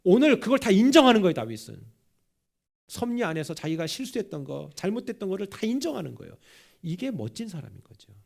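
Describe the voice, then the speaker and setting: A male pastor delivers a sermon in a church in an animated, conversational way, often turning to the congregation with questions. His voice sits somewhat high and swoops widely in pitch. A gravelly fry runs through his speech. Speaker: senior pastor. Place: church sanctuary.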